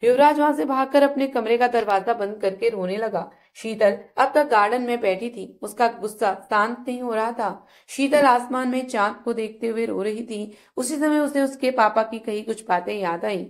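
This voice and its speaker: A woman storyteller narrating a family drama in a steady, plain way. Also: fairly high pitch, moderate pace, hardly any pauses.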